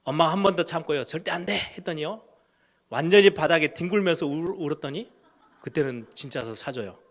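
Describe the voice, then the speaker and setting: A middle-aged man, a pastor, preaching a sermon in a storytelling way, swinging between loud emphatic lines and hushed low ones. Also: brisk. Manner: storytelling, acts out quoted voices of kids and parents.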